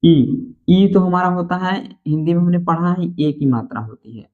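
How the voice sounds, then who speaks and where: A man with a Hindi accent and Hindi as his first language, teaching beginners English phonics, spelling letters out slowly and repeating each answer. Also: sits high, lively intonation, phone-quality sound.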